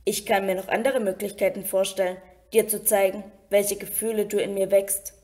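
A woman's voice: mid-range voice, level tone, moderate pace, darkish tone, lightly acted. A woman reading an earnest young prince. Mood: intimate.

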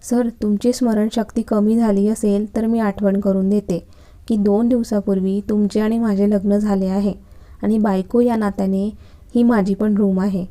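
Woman reading as a young woman student, storybook romance, cheeky, teasing, talks back, mellow dark voice, flat. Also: medium pitch, moderate pace, close to an everyday voice.

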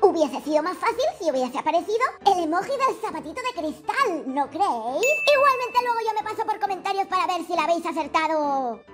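A tiny, shrill cartoon mascot with hooves hosts an emoji guessing quiz in Spain Spanish. She chirps and sing-songs every line, her voice pitched extremely high. Playful children's music runs clearly underneath. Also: sing-song, fairly quick, hardly any pauses. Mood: excited. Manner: bubbly, sing-song, exclaiming. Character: cheery squeaky hoofed female cartoon mascot. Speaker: quiz host.

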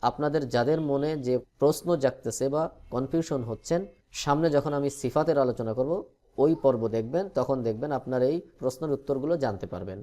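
A man leads a recorded Quran lesson. He explains each letter calmly, with the patience of a teacher, and stretches out the drilled sounds in a steady, mid-range voice. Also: mid-range voice, brisk.

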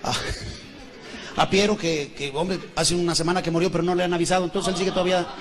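A man's voice: high voice, flat delivery, fast, a little hiss or hum. A man with a Mexican accent telling jokes as a stand-up comedian, chatty, asking the audience and laughing at his own lines. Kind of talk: joke telling.

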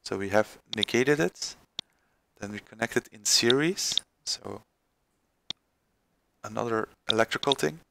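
A man presenting a screen-recorded software tutorial, halting with many fillers and restarts. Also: fairly low pitch, gravelly, background noise.

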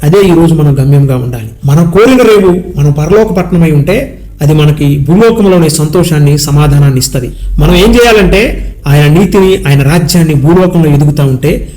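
High pitched preacher guy, earnest sermon, pushing his listeners. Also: lively intonation, dark tone. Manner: earnest, exhorting, sings slow hymn lines. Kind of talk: sermon and prayer.

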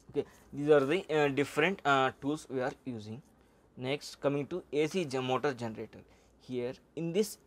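Male instructor, middle-aged, slide lecture, halting delivery with filler words. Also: medium pitch. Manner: halting, frequent "uh" and "okay" fillers. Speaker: welding instructor.

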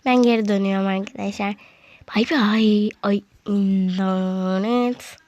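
A woman's voice: mid-range voice, fairly even intonation, a little slow, darkish tone, no echo, lo-fi sound. A woman giving casual gameplay commentary, chatting to viewers and getting easily frustrated with the game. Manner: chatty, talks to viewers as friends. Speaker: gaming video creator.

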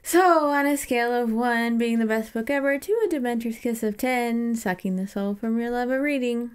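A woman with a slightly high, clean-toned voice talks at a normal speed. She hosts a podcast and chats casually about a book, keeping things informal and joking.

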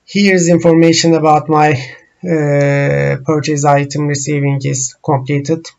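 A man whose first language is Turkish, walking through software screens in a slow, halting tutorial full of pauses and fillers. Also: on the high side, flat delivery, vocal fry, highs cut off. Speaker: software trainer.

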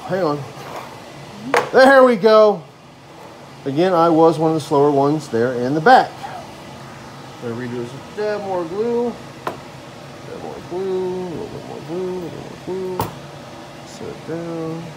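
His voice fairly high-pitched over background noise, a tired man in his thirties jokes through a casual woodworking vlog on building a squirrel table, talking and poking fun at himself as he works in his home garage. He films on a handheld phone camera.

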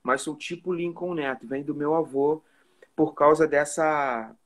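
A Carioca man in his forties from Rio de Janeiro, Brazil, a musician guest, chats casually about his life on a live video call from a room at home, picked up by a phone or webcam. His voice is fairly high and a little slow, and his relaxed storytelling is full of "né?" tags at the ends of sentences.

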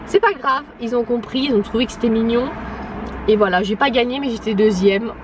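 Casual vlogger: young-sounding French woman, slightly high voice, chatty and rambling, street noise behind. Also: brisk. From France. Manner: chatty, with many fillers. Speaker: au pair vlogger. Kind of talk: casual vlog chat.

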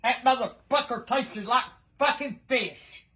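An older woman, a grandmother with an irate, blunt, profane manner, talking casually and often shouting in a home bedroom. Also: on the high side, unhurried. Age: older, 60s or above. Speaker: grandmother in prank videos. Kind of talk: casual reactions to pranks. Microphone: handheld phone camera a short distance away.

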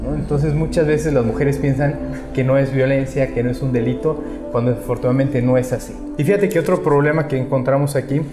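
Man, 30s, Mexican Spanish accent, measured expert explanation, lapel mic, echoey room, music bed. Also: medium pitch, fairly even intonation. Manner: measured, explanatory, gesturing with hands. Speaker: public security expert guest. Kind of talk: interview answers. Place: small cafe-like room, indoors. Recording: roomy echo, music underneath.

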